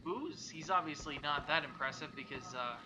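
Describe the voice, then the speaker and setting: Joking gameplay commentator, slightly high. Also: male voice, moderate pace, very noisy. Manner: casual, rambling, joking commentary. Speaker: let's play host.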